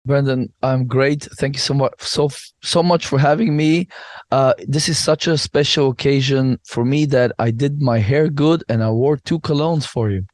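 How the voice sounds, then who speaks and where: A man's voice: medium pitch, a little slow, darkish tone, no echo. A man in his thirties from Bulgaria, a podcast guest in casual chat, rambling with many restarts and asides. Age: 30s.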